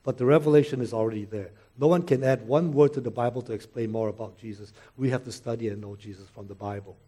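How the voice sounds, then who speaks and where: Earnest older male pastor, mellow voice. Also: medium pitch, fast talker. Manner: earnest, questioning, with quoted asides. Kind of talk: sermon.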